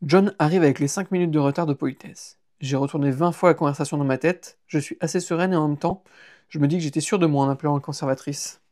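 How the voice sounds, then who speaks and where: A man narrating a humorous novel in the first person on a live stream, lively and playful, stopping for chatty asides to listeners. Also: fairly high pitch, fast. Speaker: audiobook reader and author.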